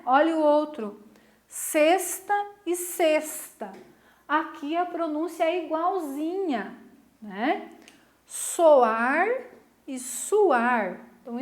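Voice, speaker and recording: A woman's voice: high voice, echoey room. A middle-aged woman teacher giving a recorded class, asking questions and checking in with her students often. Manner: lively, questioning, warm teacher talk with "né?" tags. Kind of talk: recorded online class lesson.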